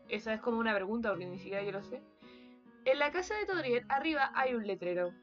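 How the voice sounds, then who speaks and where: A young woman, giving excitable casual commentary while playing a game, swearing freely, with faint game music behind. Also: high-pitched, dull audio. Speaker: let's play gamer.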